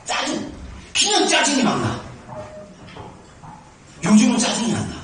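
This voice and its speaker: High-voiced preaching man in echoey church. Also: measured pace. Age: 50s. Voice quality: naturally high-toned voice. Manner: animated, swings from soft asides to shouted emphasis. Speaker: pastor. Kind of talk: sermon. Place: church sanctuary. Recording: echoey room, distant mic.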